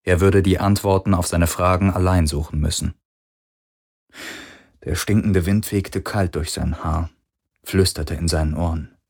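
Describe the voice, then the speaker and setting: A man reading an audiobook as narrator in a slow, deliberate way. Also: low-pitched, fairly even intonation, darkish tone, slightly rough. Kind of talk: scripted narration.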